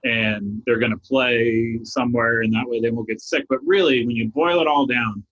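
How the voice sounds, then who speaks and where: Man, sports talk guest, self-deprecating, husky, lo-fi audio. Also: mid-range voice, normal speed, a bit bright. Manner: self-deprecating, argues with hedges. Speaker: podcast guest.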